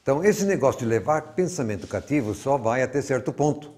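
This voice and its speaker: A man's voice: mid-range voice, animated, fairly quick, darkish tone. An older man from Brazil with a Brazilian Portuguese accent, giving a rambling, conversational teaching talk full of personal stories. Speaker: Bible teacher.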